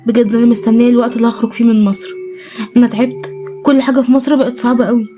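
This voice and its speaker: A woman's voice: on the high side, level tone, very fast, lightly acted. A woman with an Egyptian accent voicing a hurt, weary young woman who talks bitterly. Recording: voice over loud background music.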